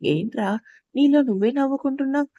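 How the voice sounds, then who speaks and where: A woman reading the part of a relaxed young male friend who teases and calms his buddy in a storybook reading. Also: extremely high pitch, fairly quick, no room sound, muffled recording. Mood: amused. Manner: joking, calm.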